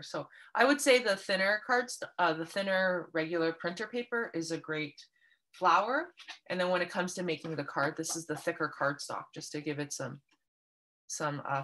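A woman with a low-sitting but fairly bright voice speaks at a moderate pace as she runs an online paper craft workshop. She's a Canadian art instructor, patiently and kindly explaining each step over video call.

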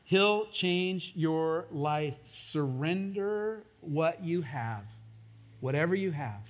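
High-voiced man preaching a sermon. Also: lively intonation, slow pace. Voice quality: high, youthful surfer-kid voice. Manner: informal and earnest, acts out his own prayers; says "like" and "um" often. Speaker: pastor. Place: church sanctuary.

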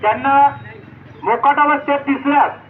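A man making a formal public announcement over a loudspeaker mounted on a rickshaw, repeating an official notice. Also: very high-pitched, moderate pace. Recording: echoey, dull loudspeaker sound with faint noise.

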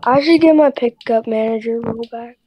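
A woman's voice: on the high side, a little fast, muffled recording. A young woman in game voice chat, teasing and slangy. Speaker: gamer in voice chat. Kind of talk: casual gaming chat.

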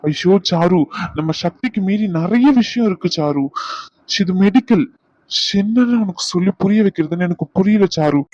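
A middle-aged man plays a stern but caring uncle, first scolding his stubborn niece and then coaxing her, with coaxing as the overall mood. His voice sits high with a darkish tone at a moderate pace, lightly acted. The dull lo-fi recording has no room sound.

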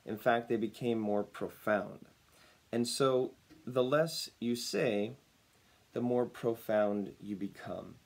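A man in his thirties, his voice slightly raspy as it comes back after he lost it, chats casually to a webcam at desk distance in a room at home. He's a personal branding speaker, upbeat and smiling, chuckling often while he takes his time. His pitch is medium and his tone steady.

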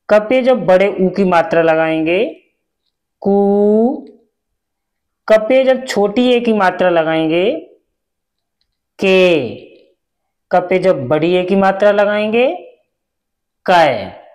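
A man teaching a class, slowly reciting syllables one at a time. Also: sits high, a little mellow. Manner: slow, deliberate, chanting syllables one by one. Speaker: Hindi teacher.

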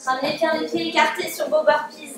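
A high-voiced woman leads a home workout as a fitness coach, giving short, motivating instructions. She is recorded from across a very echoey living room, with music behind her. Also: fairly even intonation, brisk, far from the mic. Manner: motivating, calling out short commands and counts. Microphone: distant camera microphone.

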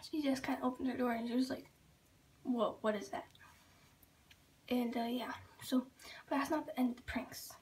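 A woman's voice: a little high, steady tone, normal speed, pauses often, a little mellow, a little hiss or hum. A teenage girl whispering through a casual home prank vlog, rambling with lots of fillers. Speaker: vlogger.

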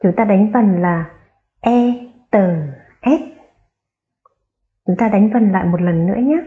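A woman teaches young children, speaking very slowly and clearly as she spells out each sound. Her voice lifts on the words she wants them to repeat. The recording sounds a little dull and muffled. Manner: slow and drawn out, spelling sounds aloud and rising high on key words. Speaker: primary school teacher. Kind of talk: slow, careful online phonics lesson for young children.

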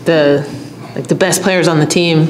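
A middle-aged woman head coach answering reporters' questions at a postgame press conference, speaking in a measured, steady way into a table mic. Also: deep voice. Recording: echoey room, faint hum.

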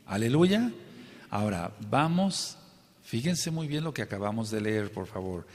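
A man's voice: lowish voice, big pitch swings, unhurried. Preaching man in a reverberant hall. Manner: emphatic, asks the congregation for amens and checks understanding. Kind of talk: sermon, Bible study teaching.

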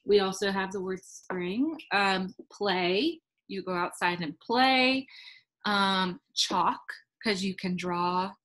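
A woman music teacher giving a patient lesson to her class, counting rhythms in syllables and often pausing with "um". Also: medium pitch, fairly bright tone. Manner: patient, with frequent ums.

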